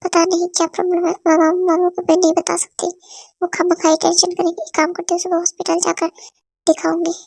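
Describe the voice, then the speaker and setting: A fiery young wife who scolds in rapid, insult-packed tirades, as a woman voices her for a fan-dub drama. The voice sits very high and barely moves in pitch. It is recorded close and dry, with no room sound. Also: flat delivery, creaky, a little mellow, dry recording. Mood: pained. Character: young wife, hot-tempered, scolding and scornful.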